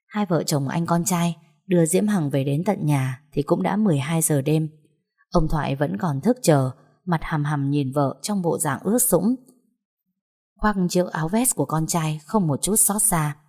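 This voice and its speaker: A woman reads a story aloud with a low, mellow voice. She keeps an even, measured pace through the narration.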